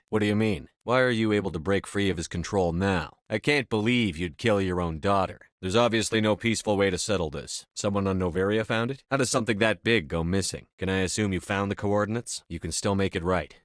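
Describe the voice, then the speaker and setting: Game lead: hardened male military commander acted by a man, lowish voice, clipped firm delivery, close dry sound. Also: a bit bright, no room sound, lightly acted. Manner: terse, firm, authoritative. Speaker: video game lead voice actor. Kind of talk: scripted game dialogue.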